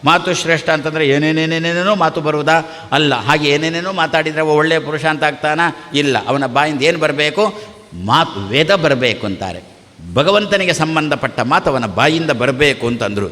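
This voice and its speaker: A man delivers a devotional sermon in a fairly high voice. He poses rhetorical questions and answers them himself, stacking points in a repetitive listing rhythm. His voice rings with long reverb, as if in a large hall. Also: moderate pace, sharp tone. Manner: acts out quoted exchanges with shifting pitch. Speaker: religious teacher giving a discourse.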